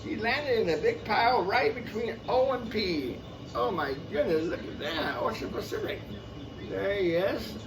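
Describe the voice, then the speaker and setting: A storyteller with a high-sitting, lively voice reads a children's picture book aloud at an unhurried pace. He reads expressively, tossing in casual asides and repeating phrases for young listeners, and the noisy recording is picked up from a distance.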